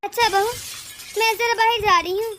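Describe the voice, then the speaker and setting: A woman's voice: very high-pitched, steady tone, moderate pace, pushed and bright, faint music behind. A woman voicing an old, bossy mother-in-law in a cartoon, giving orders and scolding. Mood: pleased. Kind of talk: cartoon voice acting.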